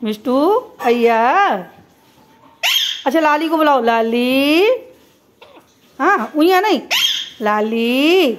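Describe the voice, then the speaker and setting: A woman with a high voice speaks slowly and sweetly, coaxing and teasing her pet bird in casual home-video talk. It sounds like a phone recording made indoors, with a little faint household noise behind her. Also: lively intonation. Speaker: pet vlogger.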